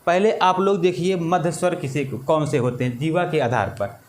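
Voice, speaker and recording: A man teaching an exam-prep lesson, slow and repetitive, drawing out vowel sounds. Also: on the high side, slight background noise.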